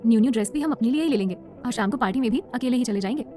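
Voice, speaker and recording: A woman's voice: on the high side, racing, a little mellow, faint music behind, close to an everyday voice. A woman voicing a young woman who scolds and then coaxes a child with formal, polite address. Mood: coaxing. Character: young woman, stern but caring guardian.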